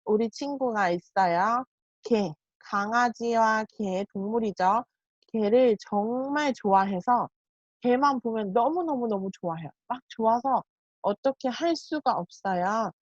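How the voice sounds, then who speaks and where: A woman teaching a language lesson, explaining each point slowly and repeating example sentences. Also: on the high side, no room sound. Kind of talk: Korean grammar lesson. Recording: dull, muffled lo-fi sound.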